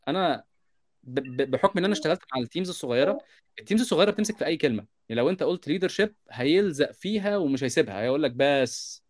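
A man in his thirties with an Egyptian Arabic accent, co-hosting a podcast, telling animated stories in quick bursts and checking in with his listeners. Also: a little high. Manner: animated, rapid storytelling with repeated "you understand?" asides. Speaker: podcast co-host, software developer. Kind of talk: casual podcast discussion.

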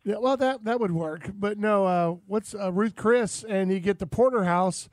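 A man's voice: high voice, moderate pace, darkish tone, dry recording. A man hosting a casual radio show, bantering in a jovial, rambling way. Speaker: radio host.

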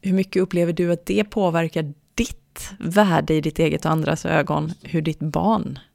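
Podcast co-host, parent, heavy vocal fry, mid pitch, dry close recording. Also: little pitch movement, a little mellow, no echo. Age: adult parent. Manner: thoughtful, explanatory, with many pauses and fillers. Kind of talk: explaining parenting research in casual podcast chat.

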